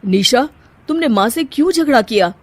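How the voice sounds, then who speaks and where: Lady doing a mild young husband for a cartoon, gentle, puts up with stuff, dry recording. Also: a little high, animated, moderate pace, dry recording, pitched above the performer's own voice. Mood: calming. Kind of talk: Hindi moral cartoon voice acting.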